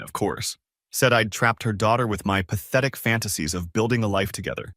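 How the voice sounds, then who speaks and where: A man with a lowish voice tells a first-person story as scripted narration. His delivery is casual and conversational. The recording is close and dry, with no room sound. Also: a bit bright, dry recording.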